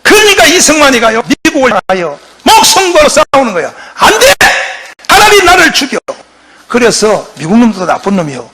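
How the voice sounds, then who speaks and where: A male pastor giving a fiery lecture to a forum audience, emphatic, with shouted bursts and rhetorical questions. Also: sits high, a little hiss or hum.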